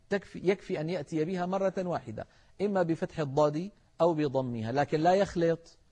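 Man, middle-aged, recitation scholar, measured teaching tone, slightly high voice. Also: darkish tone. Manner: measured, explanatory, addresses viewers directly. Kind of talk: televised religious lesson with chanted verses.

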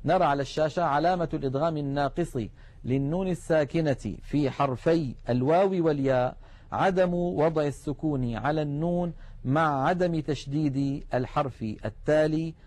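A man giving a calm, step-by-step lesson on recitation rules, slowing down to spell out each example. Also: on the high side. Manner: measured, explanatory, slows to spell out examples. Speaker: Quran recitation teacher. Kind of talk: televised tajweed lesson.

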